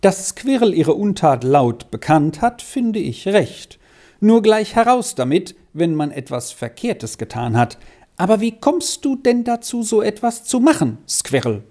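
Reader playing a kind patient dad from an old story, soothing but firm, mellow tone. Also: mid-range voice, sing-song, unhurried, voice pushed up. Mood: admonishing. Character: calm reassuring father, kindly and firm.

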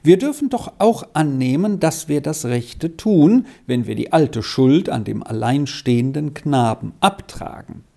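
Reader playing a kind patient dad from an old story, soothing but firm, mellow tone. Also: mid-range voice, expressive, unhurried, creaky, few pauses. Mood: reassuring. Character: calm reassuring father, kindly and firm.

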